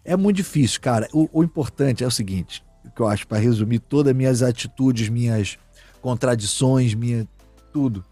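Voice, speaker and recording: Male host, husky, a bit high, slangy animated storyteller, dry mic, soft music bed. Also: normal speed, no echo. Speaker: streamer and podcast host. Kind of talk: casual chat.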